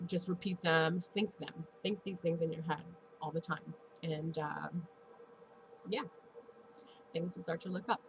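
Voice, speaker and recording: A woman's voice: on the low side, fairly even intonation, measured pace, pauses often, a little hiss or hum, low-quality recording. A woman in her late thirties with a stuffy nose, talking earnestly and encouragingly to her vlog viewers, often laughing between thoughts. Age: 30s. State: congested. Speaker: vlogger and Reiki practitioner. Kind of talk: casual motivational vlog talk.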